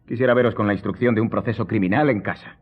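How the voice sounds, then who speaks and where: An actor playing a worldly, self-assured count in a radio drama, with a courtly, theatrical and wryly ironic manner. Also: male voice, lowish voice, rapid-fire, breathy edge. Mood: wry, animated. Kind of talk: Spanish radio drama acting. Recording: muffled, phone-like radio recording.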